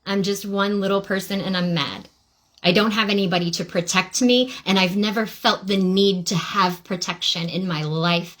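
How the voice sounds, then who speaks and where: A woman hosting a podcast, delivering a sarcastic, indignant monologue straight to her viewers. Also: mid-range voice. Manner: sarcastic, indignant, addresses "ladies and gentlemen". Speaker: podcast host.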